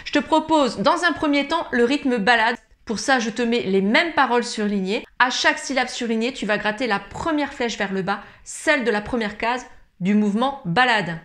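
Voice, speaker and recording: A woman calmly explaining ukulele chords and strumming step by step in a tutorial. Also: a little high, normal speed. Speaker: ukulele teacher.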